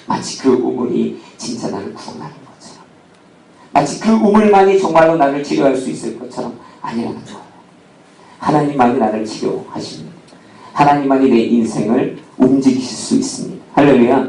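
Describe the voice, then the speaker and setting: High-voiced pastor preaching in an echoey hall. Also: male voice, a little mellow, slight background noise. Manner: asks the congregation rhetorical questions; tells a humorous personal story. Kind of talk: sermon. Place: church sanctuary. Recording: echoey hall, mic at a distance.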